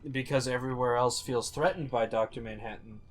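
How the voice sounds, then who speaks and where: A man's voice: medium pitch, steady tone, fairly quick, a little hiss or hum. A man co-hosting a podcast in casual chat, teasing his friends and recapping plots. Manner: teasing, recounts plots at length. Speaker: podcast co-host.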